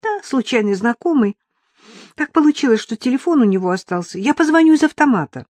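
Woman reader as a tearful young woman in an audiobook, emotional and lively, dry close sound. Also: fairly high pitch, a little fast, no room sound, voice pushed up. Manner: emotional, on the verge of tears. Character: tearful young woman leaving her husband.

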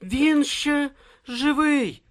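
A reader voicing an exhausted, stubborn young novice monk who speaks slowly and with strain in an audiobook. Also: high-pitched, very animated, a bit bright, voice pushed up, exaggerated voice. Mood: strained resolve. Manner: slow, strained, determined. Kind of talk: audiobook character voice.

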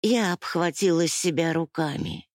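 A woman narrates a first-person audiobook with slow, intimate emotion. Her voice sits a little low, and the recording is dry and close with no room sound. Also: huge pitch swings, gravelly, dry recording. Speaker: audiobook reader.

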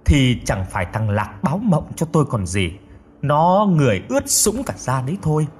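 A man's voice: fairly high pitch, sing-song, normal speed, darkish tone. A shaken old grandmother, as a man reads her with a lilt, stammering and mournful in an audiobook. Her voice rises and falls widely as she pleads. Faint noise sits under the reading. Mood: pleading. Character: frightened old grandmother haunted by a dream.

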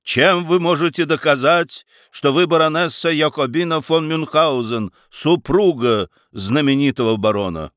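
A man voicing a sly, cheerful and ironic baron defending himself with calm logic in a dramatic story reading. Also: fairly high pitch, unhurried, hardly any pauses, no room sound, studio quality.

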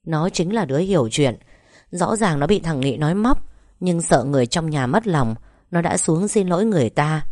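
A woman voicing a calm older husband who gently reasons with his angry wife. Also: low-pitched, normal speed, no echo, clean studio sound. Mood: calm reasoning. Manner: soothing, persuasive.

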